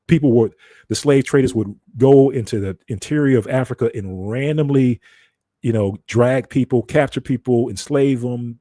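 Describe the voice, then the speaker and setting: American man, mellow relaxed voice, dry close sound, informal teaching broadcast, explanatory, repeats phrases for emphasis. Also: medium pitch, no room sound. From United States. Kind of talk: informal teaching talk to an audience.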